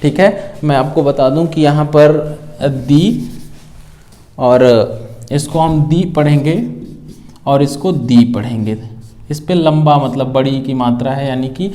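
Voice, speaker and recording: A man's voice: mid-range voice, takes it slowly, warm tone. A man teaching an English grammar lesson, explaining patiently and often checking in with the listener while writing on a board. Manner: mixes Hindi with English phrases.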